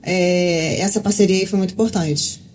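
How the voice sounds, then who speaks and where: Woman w rio talking a lot in an interview, warm mellow voice, tons of fillers. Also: on the low side, fairly even intonation, moderate pace. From Rio de Janeiro, Brazil. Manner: talkative, lots of fillers and restarts. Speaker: guest, journalist. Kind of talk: casual interview chat.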